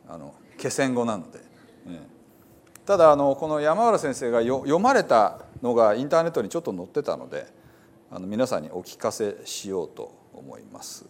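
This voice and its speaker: A man's voice: medium pitch, wildly swooping pitch, a little fast. A man, a pastor, talking casually to his congregation in a chatty, amused way. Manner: chatty, amused, reads quotes with a laugh.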